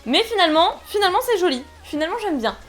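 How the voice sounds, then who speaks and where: A woman's voice: extremely high pitch, sing-song, rapid-fire, a bit bright, faint music behind. A young woman chatting casually through an unboxing, rambling and giggly, poking fun at herself. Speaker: unboxing vlogger.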